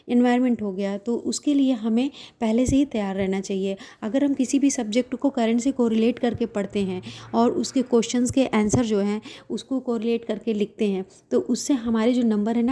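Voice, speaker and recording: A woman vlogging about exam preparation, giving motivational study advice in a casual way, speaking quietly on a home veranda at night so as not to wake her family. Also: fairly high pitch. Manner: speaks softly at night to avoid waking family. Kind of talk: casual study vlog narration. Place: open veranda at home at night, fan running.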